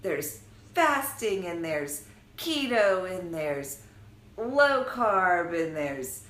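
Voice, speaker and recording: A woman chatting casually to her viewers in an animated, playful, self-mocking way, with exaggerated exasperation. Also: on the low side, drawn-out words. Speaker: vlogger giving a food and shopping talk. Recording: roomy echo, faint background noise.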